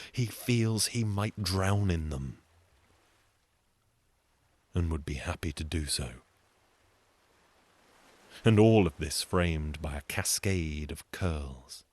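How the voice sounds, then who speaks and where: This British-accented man, a storyteller and singer, has a deep voice and is recorded with no room sound. He relates a scripted funny story wryly and conversationally, often wandering into asides.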